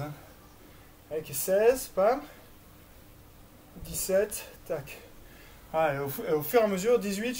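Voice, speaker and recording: A woman leads a workout at an unhurried pace, counting reps and thinking aloud in a chatty, encouraging way. She sounds physically at work as she speaks. Some background noise sits behind her voice. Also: mid-range voice, darkish tone. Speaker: fitness instructor leading a workout.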